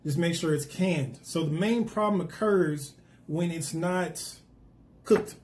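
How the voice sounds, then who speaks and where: A man co-hosting a casual food talk, going through facts in a relaxed, joking way. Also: a little high, slow. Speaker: co-host.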